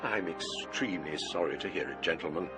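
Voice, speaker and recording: A man playing a genial, older English provost who tells ghost stories in a courteous, measured, donnish way in a radio drama. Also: low voice, music in the background, lightly acted. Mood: courteous, dry. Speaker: actor. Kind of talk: radio drama acting and storytelling.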